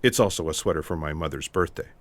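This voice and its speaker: In a piece of sci-fi audio theatre, a male actor with an extremely low voice plays an earnest, eccentric intelligence agent. His delivery is deliberate, formal and deadpan, with an earnest, composed mood.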